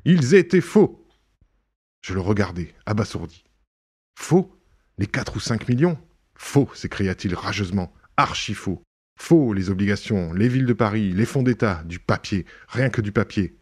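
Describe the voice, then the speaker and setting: A man reading an audiobook, voicing a proud, ironic young gentleman burglar who bursts into indignation and mockery. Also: fairly low pitch, expressive, moderate pace, husky. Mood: indignant. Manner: indignant outbursts, mocking irony.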